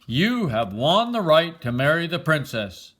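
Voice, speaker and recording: An older man voicing a jovial, warm-hearted old king in a children's storybook, with a grand manner. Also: fairly high pitch, big pitch swings, unhurried, exaggerated voice. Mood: commanding.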